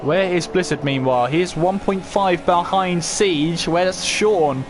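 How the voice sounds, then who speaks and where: Guy commentating a car race live, motorsport commentator style, highish voice, asks questions as he calls it, noisy behind him. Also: unhurried. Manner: running play-by-play with rhetorical questions.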